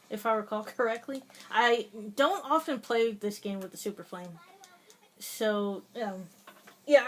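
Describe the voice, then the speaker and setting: A woman giving casual, chatty commentary over her gameplay, laughing often and hesitating with many fillers. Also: on the high side. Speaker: gaming video host.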